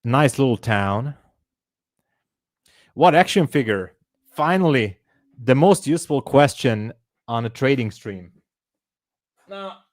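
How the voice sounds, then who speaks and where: A man's voice: mid-range voice, no room sound, clean studio sound. A man from Hungary hosting a live trading stream, chatting casually, laughing often and thinking aloud. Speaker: livestream trading host.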